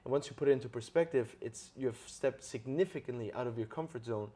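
This podcast host talks fast, his medium-pitched voice dark in tone. During the interview conversation he explains ideas earnestly and leans on frequent tag questions.

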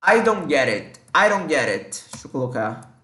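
A man with a Brazilian accent teaching English in a casual lesson, explaining in Portuguese and saying English phrases slowly. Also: medium pitch, big pitch swings, bright, forceful tone, echoey room, a little hiss or hum.

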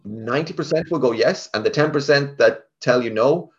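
A man's voice: medium pitch, normal speed, dull audio. A man with a west of Ireland accent telling his story casually and chattily, often acting out bits of conversation in his own voice. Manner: chatty, self-quoting, informal. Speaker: interview guest, tech sales team lead.

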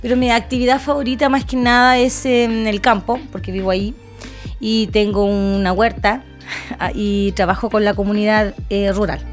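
A woman in her fifties, a religion teacher, answering interview questions slowly and warmly, with hesitant pauses. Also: medium pitch, level tone, soft background music. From Chile. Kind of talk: casual podcast interview.

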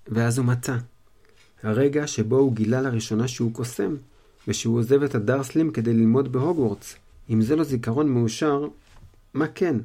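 A man tells a story in a relaxed, casual way, retelling it in his own words with small fillers. His voice is gravelly and mellow at a medium pitch.

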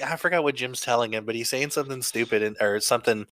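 A man's voice: mid-range voice, fast talker, a bit bright, dry recording. A man co-hosting a casual sports podcast, joking and teasing the others. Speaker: podcast co-host.

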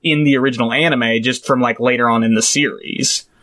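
A young man co-hosting a casual podcast, animated and chatty, laughing often and leaning on filler words. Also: medium pitch, brisk. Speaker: podcast co-host.

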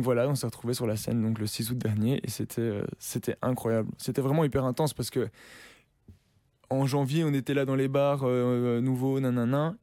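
This dry recording features a young man with a medium-pitched voice, a musician guest being interviewed. He keeps things relaxed and slangy, tossing in lots of fillers and frequently starting over.

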